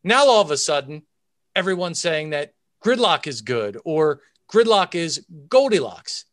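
A man's voice: fairly high pitch, fairly bright tone, dry recording, clean studio sound. A man speaking as an expert interview guest, explaining things in a methodical, emphatic way. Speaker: chief investment officer, interview guest. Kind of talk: expert market commentary in interview.

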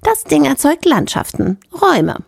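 A woman reading an audiobook, voicing a sharp-witted female chief engineer with a brisk, cocky manner. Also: sits high, huge pitch swings, creaky, no room sound, clean studio sound, pitched above the performer's own voice, full character voice. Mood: explaining. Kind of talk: audiobook character voice.

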